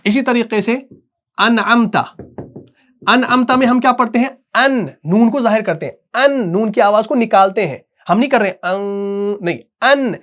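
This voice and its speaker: A man teaching Quran recitation. He talks patiently and repeats himself, slows down to dictate terms, and keeps asking whether the point is clear. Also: high voice. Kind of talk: dictated classroom lesson.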